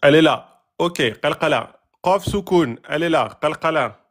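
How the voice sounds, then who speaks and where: A man teaching Quran recitation rules, patiently asking questions and repeating example words slowly. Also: a little high. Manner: asks students rhetorical questions. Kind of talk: tajwid lesson, explaining a page.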